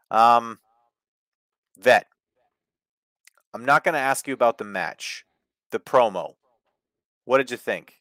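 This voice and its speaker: A man's voice: mid-range voice, fairly bright tone, no room sound. Blunt opinionated man, dry close sound. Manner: blunt, opinionated, swears freely. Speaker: podcast host. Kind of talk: casual wrestling review chat.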